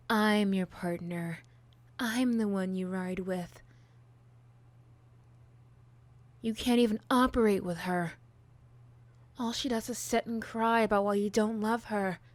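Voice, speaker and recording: A woman voicing a possessive, obsessive young monster girl in love, an unhinged, clingy villainess, in an ASMR role-play with breathy hushed stretches. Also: a little high, steady tone, slow, pauses often, no room sound. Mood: possessive, menacing.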